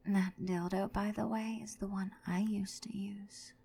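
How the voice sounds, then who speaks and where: A woman's voice: mid-range voice, creaky, mellow, slightly rough. A woman voicing a vindictive jilted ex-girlfriend in an audio roleplay, often whispering as she gloats.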